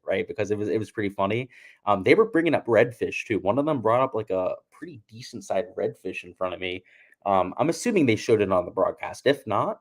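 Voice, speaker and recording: A young man hosting a golf betting channel, telling stories in a chatty, casual way and laughing at himself. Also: lowish voice. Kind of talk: casual talk.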